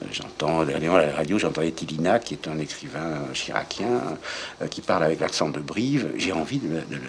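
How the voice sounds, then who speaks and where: An older man with a low, deep voice, answering interview questions in a reflective, halting way. He gropes for words and restarts his sentences as he thinks aloud. A faint noise runs beneath him. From southwest France.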